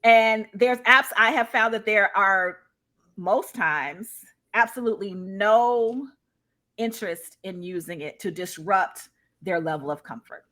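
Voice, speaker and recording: A woman with a medium-pitched, slightly bright voice speaks at a measured pace as a guest in a live discussion on an online video call. She's conversational and emphatic, often checking in while sharing her experience.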